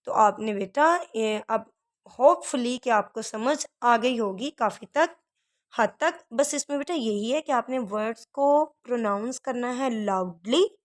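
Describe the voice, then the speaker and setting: Slow, patient woman teacher. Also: fairly high pitch. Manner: patient, calls the learner "beta", drills words by repeating them slowly. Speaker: English teacher. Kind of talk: recorded classroom lesson.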